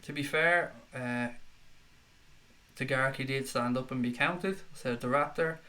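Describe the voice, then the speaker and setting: A man's voice: mid-range voice, unhurried, sharp tone. Chatty Dublin Irish man with a head cold. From Dublin, Ireland. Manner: chatty, matey, reads messages aloud and answers them. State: slight head cold, swallowing a lot. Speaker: live stream host reading viewer comments. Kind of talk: casual live-stream chat.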